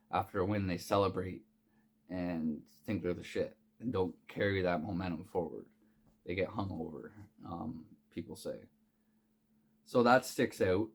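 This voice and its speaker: Casual male sports bettor, lowish voice, loose and profane, filler-heavy delivery. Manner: rambling, profane, many fillers and restarts. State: hiccuping. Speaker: sports betting picks host. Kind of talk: casual unscripted sports betting talk.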